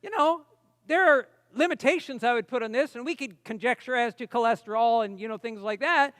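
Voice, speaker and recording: A man's voice: very high-pitched, a little fast, fairly bright tone, no echo, studio quality, long reverb tail. A man preaching a sermon at a camp meeting, talking in a conversational, emphatic way and putting questions to the audience. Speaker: pastor.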